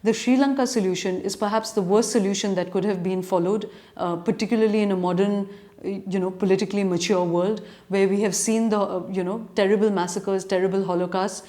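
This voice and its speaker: This journalist's dark, medium-pitched voice moves fairly quickly with fairly even intonation. In her educated urban Indian accent, she answers reader questions as an editorial commentator, earnest and argumentative, using long, considered sentences.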